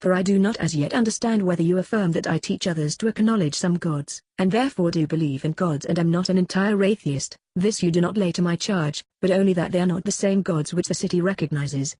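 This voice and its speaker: A reader voicing an aged philosopher on trial, cross-examining his accuser in a measured, questioning way in a dramatic reading. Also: mid-range voice, darkish tone, breathy edge, no echo, close to an everyday voice. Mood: probing. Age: older. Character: aged male philosopher on trial, probing, ironic. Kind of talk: dramatic reading of a classical dialogue.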